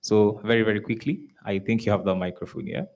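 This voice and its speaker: A man runs the floor at a panel forum. He is brisk, pushing the questions along quickly. His voice sits somewhat low. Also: fairly even intonation, a little mellow. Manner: brisk, hurrying speakers along. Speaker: moderator. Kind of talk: moderating a panel.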